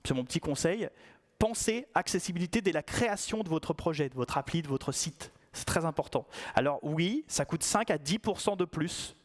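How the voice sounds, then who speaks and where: A man's voice: fairly high pitch, lively intonation, normal speed. A man giving a conference talk in a playful, ironic, conversational way. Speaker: conference speaker.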